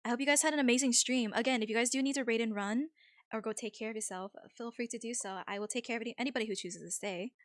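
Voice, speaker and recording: A woman with a high voice hosts a livestream in casual, chatty style. She talks informally to viewers, with a dry sound free of room echo. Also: racing. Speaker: livestream host.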